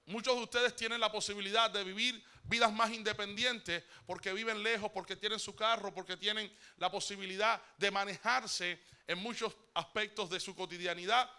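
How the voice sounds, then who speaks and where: A Cuban pastor preaching a sermon with a Cuban Spanish accent. His high, very bright voice carries through an animated story. His tone is smooth and clear, and he keeps repeating words and calling his listeners brother. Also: normal speed, few pauses. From Cuba. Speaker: guest pastor.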